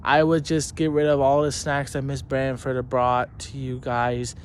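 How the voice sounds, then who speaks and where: A man's voice: medium pitch, monotone, normal speed, a little hiss or hum. A young man, a student, ranting angrily to camera about teachers, rambling, swearing heavily and restarting his sentences. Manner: heated and indignant, mocking in tone. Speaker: student telling a school story. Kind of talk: angry profane rant to camera.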